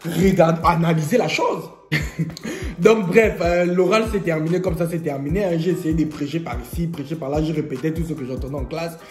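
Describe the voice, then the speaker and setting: A man's voice: on the high side, moderate pace. A young man vlogging a storytime, joking and laughing as he tells it. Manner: lively, joking storyteller who laughs often. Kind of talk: storytime vlog. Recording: echoey room, faint music.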